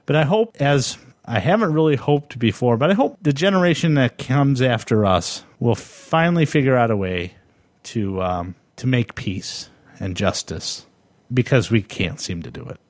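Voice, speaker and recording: A man in his forties from the United States, hosting a solo podcast and reflecting aloud in a thoughtful, halting way, pausing to find his words. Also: mid-range voice, animated, a little mellow, no echo, clean studio sound. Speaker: podcast host.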